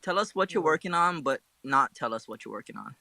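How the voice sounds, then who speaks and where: A man's voice: on the high side, expressive, fairly quick, gravelly, pushed and bright, no echo. A man chatting casually in a group, with bro-ish, slangy frat-guy talk.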